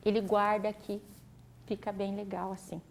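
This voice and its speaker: A woman's voice: mid-range voice, little pitch movement, moderate pace, creaky, slight background noise. A woman, a teacher patiently explaining a literacy method in an interview. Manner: patient, instructive, uses many fillers.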